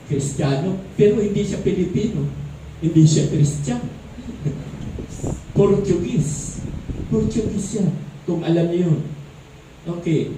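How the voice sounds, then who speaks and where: A man's voice: a little high, dark tone. A man preaching a sermon, talking conversationally and asking the congregation questions. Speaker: pastor. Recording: echoey hall, distant mic, faint noise.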